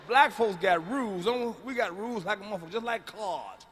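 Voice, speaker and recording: A man doing a stand-up comedy set, telling loud, profane stories and now and then breaking into sudden hollers. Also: high-pitched, expressive, moderate pace, a little hiss or hum. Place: comedy stage before a live audience. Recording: live hall recording with reverb.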